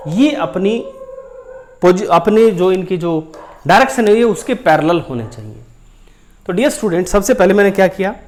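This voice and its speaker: A man's voice: high voice, a little mellow. A man teaching a physics lesson, explaining step by step while drawing and calling his students dear children. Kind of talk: whiteboard lesson.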